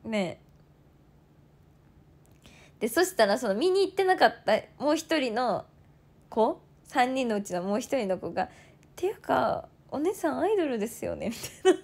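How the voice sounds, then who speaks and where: High, lively young woman telling a story. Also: creaky. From Toyama, Japan. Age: 20s. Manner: animated, acts out others' lines, laughs often; fast bursts of quoted speech. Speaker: idol turned streamer. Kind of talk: casual storytelling chat.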